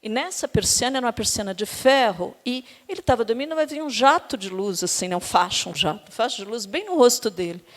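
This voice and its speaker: A middle-aged woman with a Brazilian Portuguese accent, giving a university lecture on education and telling personal anecdotes. She tells her stories in an animated way and acts out the quoted dialogue. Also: a little high, fast talker, hardly any pauses. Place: lecture hall. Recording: long hall reverb.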